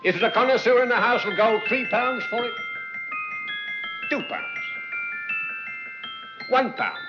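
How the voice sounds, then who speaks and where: An actor playing a chatty, hustling auctioneer, in theatrical, repetitive sales patter from 1940s film acting. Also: male voice, very high-pitched, a little slow. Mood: coaxing, hustling. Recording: muffled 1940s film soundtrack, music behind.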